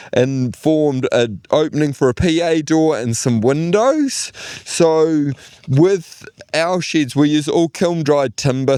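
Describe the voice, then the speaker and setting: A man's voice: a little high, a little mellow, smooth, no room sound, clean studio sound. A man with a New Zealand accent hosting a building video in a casual, matter-of-fact, colloquial way. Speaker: host for a shed-building company. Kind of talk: casual presenting and chat.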